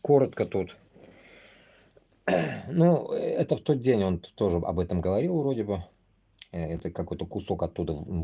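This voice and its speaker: A man rambles on a livestream, swearing constantly and bluntly in halting, choppy phrases. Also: sits low, warm tone, breathy edge, lo-fi sound. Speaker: livestream host. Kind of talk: casual rambling live commentary.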